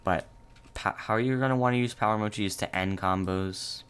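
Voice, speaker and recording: A young man narrating a casual gameplay tutorial, halting and low-key with many fillers. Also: a bit bright, clear, resonant tone. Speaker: gaming channel host.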